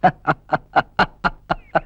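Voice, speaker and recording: A man's voice: mid-range voice, moderate pace, no room sound, close to an everyday voice. Man cast as a curt, cold bandit chief, on a muffled soundtrack with music. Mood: commanding. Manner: curt, commanding. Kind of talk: 1980s film acting.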